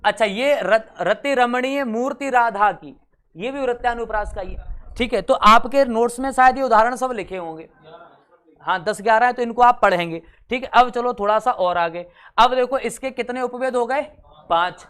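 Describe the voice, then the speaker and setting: A man teaching a class, patiently explaining and reading verse examples slowly. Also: very high-pitched, fairly bright tone, smooth. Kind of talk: classroom lesson.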